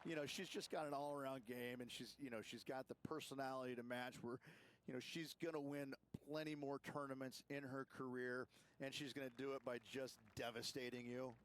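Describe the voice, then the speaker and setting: A man's voice: mid-range voice, fairly even intonation, a little fast, a little hiss or hum. A man giving golf color commentary, chatty and jokey, laughing easily between points.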